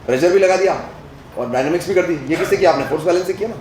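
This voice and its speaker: A man's voice: high voice, racing, a little mellow, reverberant, slight background noise, low-quality recording. A male physics teacher lecturing at a board, asking the class questions as he works through each step and mixing Hindi with English terms.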